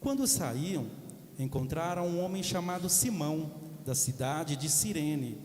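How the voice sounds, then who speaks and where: A man narrating the Passion Gospel in church, reading slowly and steadily. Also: on the high side, animated, darkish tone, a little hiss or hum. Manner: slow, measured reading. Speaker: reader of the Passion. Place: large cathedral. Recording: echoey cathedral hall.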